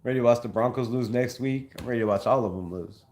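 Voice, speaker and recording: Hosting a loose fan livestream, a young man from Southern California reads chat comments, slips into slang, and repeats himself. He talks at a quick pace in a medium-pitched, darkish voice.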